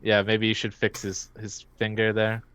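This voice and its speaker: A man talks through his character's moves in a tabletop game, stumbling over repeated words. His voice is bright, crisp and smooth, with a dry, close sound. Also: fairly low pitch, monotone, normal speed, dry recording. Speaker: player. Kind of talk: casual tabletop play.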